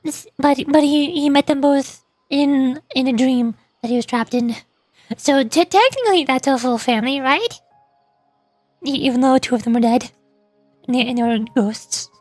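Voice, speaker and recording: A woman streams a game, joking and playfully stammering as she riffs in commentary and reads dialogue aloud. Her voice sits high and is a little mellow, at normal speed with no echo, and music plays behind her.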